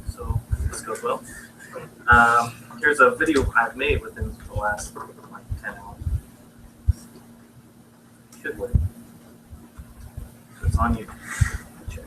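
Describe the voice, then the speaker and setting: A young man casually pitching his game in a live presentation, halting and full of fillers. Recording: distant mic in noisy room.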